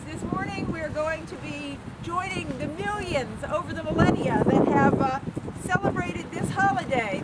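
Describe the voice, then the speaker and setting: A woman hosting an outdoor ceremony, giving an informal, halting, explanatory welcome speech to a public gathering. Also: very high-pitched. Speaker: ceremony host, groundhog handler. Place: outdoor town square. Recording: loud outdoor wind and street noise.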